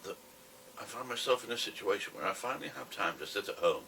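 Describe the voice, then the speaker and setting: A British man with a smoker's rasp, rambling casually to camera in a wry, self-deprecating way. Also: lowish voice, lively intonation, fast, sharp tone. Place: a room at home, alone. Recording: distant camera mic with faint noise.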